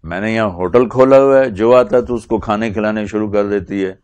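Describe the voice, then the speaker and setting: A man's voice: fairly low pitch, clear, resonant tone, natural voice. A man voicing an angry, stingy husband who scolds his wife for feeding a guest. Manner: scolding, shouting. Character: angry stingy male tent-dweller.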